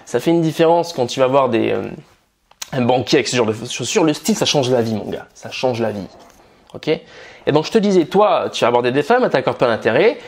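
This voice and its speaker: Man, from France, style coach, casual to-camera advice, blunt, crude, very lively intonation, mid pitch. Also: a little fast. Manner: blunt, crude, addresses viewer as buddy.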